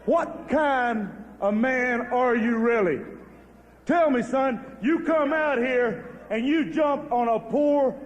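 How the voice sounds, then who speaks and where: A man, a wrestling champion cutting a promo who pleads and then shouts out challenges. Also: very high-pitched, slow, long reverb tail, highs cut off.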